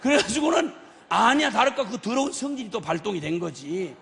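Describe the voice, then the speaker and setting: A middle-aged man preaches with a high, lively voice and a gravelly edge. He tells the story with great drama, playing out both sides of the dialogue and moving from hushed lines to shouts. His voice rings through a hall with a long reverb. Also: fairly quick. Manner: dramatic storytelling, acting out God and Jonah in banter. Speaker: missionary preacher. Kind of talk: sermon.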